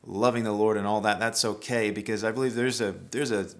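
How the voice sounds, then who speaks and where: Middle-aged American male Bible teacher, slightly low pitch, earnest emphatic monologue delivery. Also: steady tone, brisk. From United States. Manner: earnest, emphatic, with frequent restarts.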